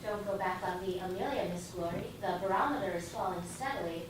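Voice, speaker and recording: A woman playing a flat obedient female robot. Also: fairly low pitch, close to an everyday voice. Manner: flat, literal, measured. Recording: echoey room from far off with noise.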